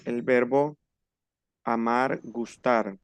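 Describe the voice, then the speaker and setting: A man teaching a French class over a video call, patiently slowing down to model pronunciation. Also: medium pitch, steady tone, smooth. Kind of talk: online class instruction.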